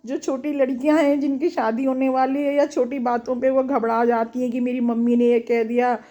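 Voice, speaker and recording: A woman's voice: high voice, little pitch movement, moderate pace, dark tone. A middle-aged woman telling a personal memory in a homely, reflective, chatty way. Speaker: storyteller. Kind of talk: personal storytelling. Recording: dull lo-fi recording.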